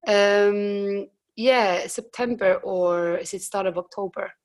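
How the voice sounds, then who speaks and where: A young woman who is a musician chats casually as an interview guest, hesitant and often restarting her sentences. Her husky voice is mid-range, and she takes it slowly.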